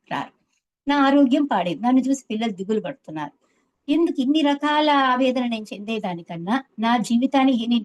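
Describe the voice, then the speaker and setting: Woman, 70s, earnest testimony, storytelling to an interviewer, mid-pitched voice. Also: darkish tone, poor audio. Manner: earnest storytelling, quoting others with feeling. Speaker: meditation teacher.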